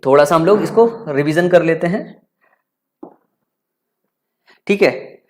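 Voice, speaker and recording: A man's voice: on the high side, lively intonation, slow pace, a little mellow, slight background noise. Man teaching exam-prep grammar, repetitive. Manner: repeats key points with rhetorical questions; calls students "bachcha".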